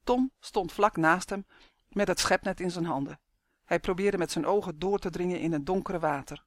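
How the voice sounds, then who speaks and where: Audiobook narrator, calm, even, mid pitch. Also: no room sound.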